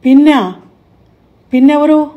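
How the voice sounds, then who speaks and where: A woman's voice: sits high, slow pace, dull audio, pitched above the performer's own voice. Woman doing a muddled old uncle in his seventies. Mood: confused. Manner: vague, rambling, muddled. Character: confused forgetful old man, uncle in his late seventies.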